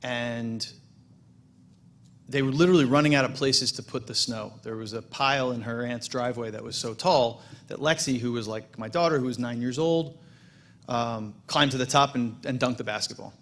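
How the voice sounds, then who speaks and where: A man, the president of a congregation, giving a relaxed welcome speech with self-deprecating jokes and frequent restarts. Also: medium pitch, normal speed. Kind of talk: welcome speech at a holiday service. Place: synagogue sanctuary.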